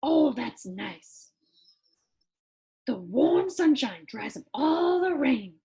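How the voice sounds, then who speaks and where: A woman voices an eager, childlike puppet friend reading a picture book aloud to children, wondering and gentle in an exaggerated, animated way. Her high voice is gravelly yet mellow, with big pitch swings, and she takes it slowly.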